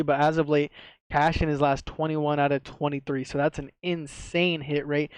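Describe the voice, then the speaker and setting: Male sports tipster, slight retainer lisp, clean and smooth tone, very even pitch, casual and slangy. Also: no room sound. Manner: slangy, swearing, repeats himself for emphasis. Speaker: sports betting tipster, video host. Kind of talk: casual sports betting commentary to viewers.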